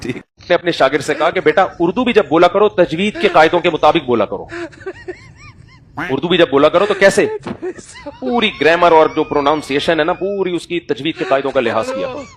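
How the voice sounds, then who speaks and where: Animated man telling funny sermon stories. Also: fairly high pitch, fairly quick, crowd noise. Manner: animated storytelling, acts out voices. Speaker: religious speaker. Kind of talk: humorous sermon.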